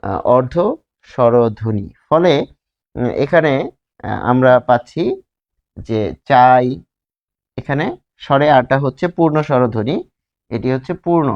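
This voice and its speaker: Male teacher, grammar lesson, slow and repetitive, drawn-out sounds, slightly dull recording. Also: mid-range voice. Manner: explains slowly and repeats words, drawing out the sounds.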